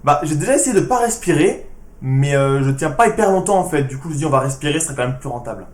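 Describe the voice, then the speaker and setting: A man answering fan questions in a casual vlog, with dry, sarcastic replies in a hushed voice. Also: on the high side, lively intonation, fast, reverberant.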